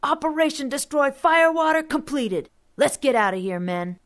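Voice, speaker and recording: A woman voicing a brash, bossy boy who leads a gang, yelling shrilly in a storybook reading. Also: high voice, moderate pace, pitched above the performer's own voice, close to an everyday voice. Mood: triumphant yelling.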